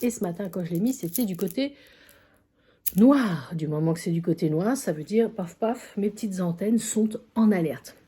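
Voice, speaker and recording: Chatty woman medium vlogging, mellow darkish voice, lots of euh and repeats. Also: medium pitch, slightly rough. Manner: chatty, many fillers and repeated phrases. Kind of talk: casual vlog storytelling. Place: at a friend's country house.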